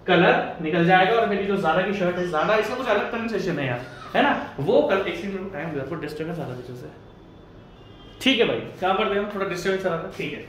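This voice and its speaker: High-voiced chatty male tutor, echoey room. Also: a bit bright. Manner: chatty, asks and answers his own questions. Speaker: engineering exam tutor. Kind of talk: casual Hindi lecture. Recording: echoey room from far off, faint hiss.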